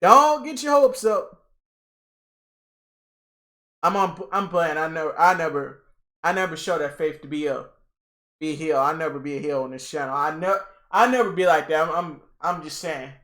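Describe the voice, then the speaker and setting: Excitable high-voiced young man streaming. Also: brisk. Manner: excitable, rambling, repeats himself, talks to chat. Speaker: livestream host. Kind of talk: casual live reaction chat.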